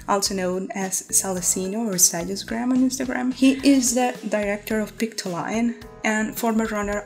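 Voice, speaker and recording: Brief: unhurried female artist voice-over, casual and easygoing, soft music behind. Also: medium pitch. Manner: easygoing, laid-back, many fillers. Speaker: artist vlogger.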